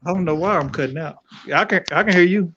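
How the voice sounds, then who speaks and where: A man's voice: high voice, fast, fairly bright tone. A man co-hosting a casual sports debate over a remote call whose audio keeps cutting out suddenly. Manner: argumentative, repeats himself while making a point. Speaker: podcast co-host. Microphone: remote call line. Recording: muffled, dry remote call line.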